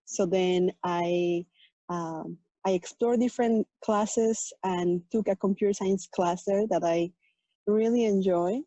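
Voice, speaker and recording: A Mexican woman, a native Spanish speaker with a Mexican Spanish accent, sits on a tech panel as a program manager and earnestly introduces herself and her work. She explains things steadily, pausing with "um," in a dark, medium-pitched voice. There's no room sound, and the highs are cut off.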